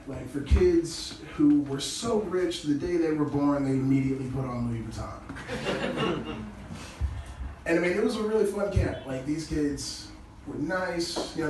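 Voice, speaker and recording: A male stand-up comedian with a casual, crude delivery who chuckles at his own jokes, heard through low-quality stream audio. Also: unhurried. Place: small comedy club stage. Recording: echoey low-quality stream from far off with noise.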